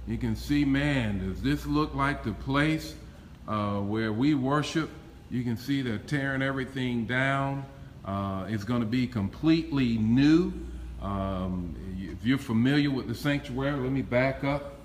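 A man's voice: medium pitch, a little slow, slight background noise. Man, middle-aged, casual walking tour, upbeat, phone-recorded on a building site. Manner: upbeat, conversational, many fillers. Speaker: church leader giving a construction tour. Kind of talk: casual walkthrough video. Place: indoor and outdoor building site. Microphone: phone camera held while walking.

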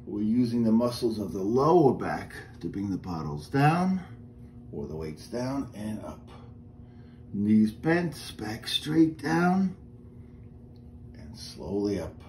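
A middle-aged male fitness instructor leads a guided chair exercise class, calmly cueing each step and counting breaths in a lowish, slow voice. A camera a few feet away captures him in a small indoor room with a painted wall, with roomy echo and faint room noise.

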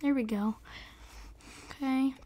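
A young woman with a hoarse, squeaky voice that breaks into a whispery rasp, giving excitable, chatty, casual commentary on a game. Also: slow. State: hoarse, losing voice. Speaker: gaming video host.

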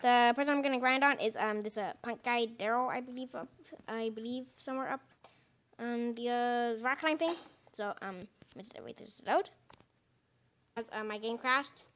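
A woman's voice: a little high, normal speed, a bit bright, a little hiss or hum. A woman hosting her gaming channel, giving casual, rambling commentary full of fillers and restarts, recorded on a phone set down nearby.

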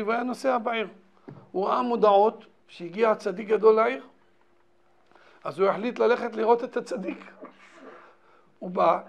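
A man, a rabbi, giving a Torah lesson and telling a story in an animated way, repeating phrases for emphasis. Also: high voice, gravelly, lo-fi sound. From Israel.

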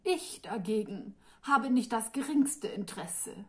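Smug three-tongued devil guy, woman reading him, slow and condescending. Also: a little high, animated, a bit bright. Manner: patronizing, smug. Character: arrogant, provocative devil with three tongues, male.

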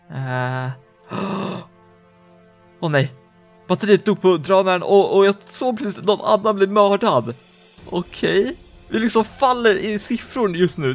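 A man giving excitable, fast-reacting commentary on a video game he is playing. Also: high voice. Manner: excitable, quick reactions, gasps and laughs. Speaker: gaming YouTuber.

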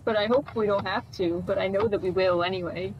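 A woman streaming a video game, chatting casually, laughing often and yelling at enemies. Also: mid-range voice, fairly even intonation, brisk, highs cut off, slight background noise. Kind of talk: casual gameplay chat.

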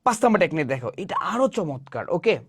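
High-voiced man drilling a grammar lesson. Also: big pitch swings, fairly quick, fairly bright tone, slightly rough. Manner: drills with call-and-response questions, answering them himself. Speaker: grammar teacher. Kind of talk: classroom-style grammar lesson.

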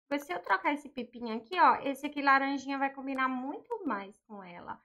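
Young storybook mother, woman voicing her; high bright voice, fussy, sing-song baby talk. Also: expressive, a little fast. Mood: doting, fussing. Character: young mother, proud then tender, doting.

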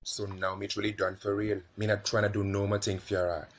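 A man's voice: on the low side, flat delivery, fairly quick. Man doing a fed-up quitter. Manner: fed up, dismissive.

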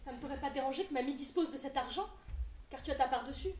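A woman playing a brisk member of a bourgeois family in a stage comedy, with insistent, projected delivery. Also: high voice, darkish tone, lightly acted. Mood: questioning. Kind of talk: amateur stage comedy acting. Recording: echoey theatre stage, distant mic, faint noise.

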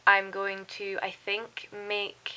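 A woman's voice: medium pitch, monotone, slow pace, sharp tone, a little hiss or hum, low-quality recording. A young woman chatting in a rambling, sleepy way, saying "like" a lot, recorded on a webcam in her bedroom at night. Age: young adult. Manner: rambling, chatty, sleepy and self-deprecating, with frequent "like". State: tired, a bit wheezy and coughy. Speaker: vlogger. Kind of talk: casual diary vlog. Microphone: webcam close to the face.

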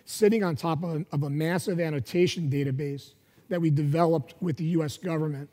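Man on a conference panel, halting, many fillers. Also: fairly high pitch, mellow. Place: large conference hall stage. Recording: long hall reverb.

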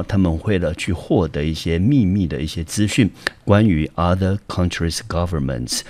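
A very deep-voiced man with a Taiwanese Mandarin accent talks through an English vocabulary lesson. He goes step by step with patient explanations and plenty of fillers. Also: darkish tone. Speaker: English teacher.

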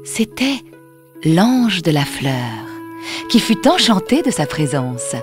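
A woman narrating a children's storybook in a gentle, expressive reading. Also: medium pitch, takes it slowly. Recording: music under the voice. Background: soft music.

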